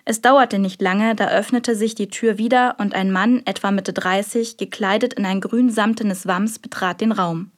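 A woman with a mid-range voice narrates an audiobook, telling the story in a measured, even way as scripted narration.

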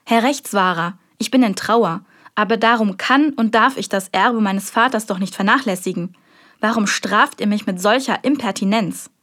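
A woman's voice: mid-range voice, normal speed, fairly bright tone, natural voice. A woman reading an audiobook, voicing a defensive merchant in his thirties who speaks in a velvety, haughty manner. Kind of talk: audiobook character voice.

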